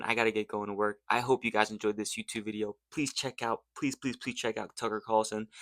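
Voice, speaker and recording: A young American man hosts a YouTube vlog, offering casual commentary in an earnest, rambling, slangy manner. His voice sits on the low side with a fairly bright tone, and the recording has no room sound.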